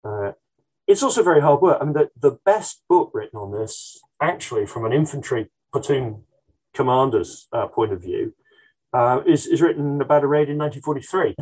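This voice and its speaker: A male military historian, appearing as a guest, answers interview questions in a thoughtful, hesitant way, with frequent ums and restarts. His mid-range voice is animated, a little mellow and slightly rough, moving at a moderate pace. The recording is rough.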